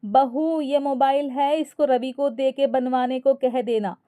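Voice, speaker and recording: Woman doing a naggy mother-in-law, bossy and scolding, kinda high, dry close voice. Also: fairly even intonation, a little slow, mellow, clean tone, dry recording, dull audio. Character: sharp-tongued middle-aged mother-in-law.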